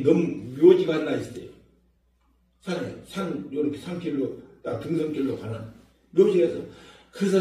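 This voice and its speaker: An older church elder with a Jeolla accent tells his testimony with feeling and bursts of laughter. His pitch swings widely and sits a bit high for a man. He is heard from a distance in a big, very echoey prayer hall. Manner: emotional, animated storytelling with laughter. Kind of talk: testimony sermon. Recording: echoey hall, mic far off.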